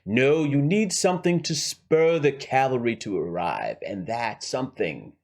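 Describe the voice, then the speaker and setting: Scheming heist villain with a weak fake German accent done by a man, dramatic pauses, lively swooping pitch. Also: slight background noise. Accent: put-on German villain accent, admittedly poor. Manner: theatrical, dramatic pauses, hushed whispered emphasis. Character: scheming suave male villain planning a heist.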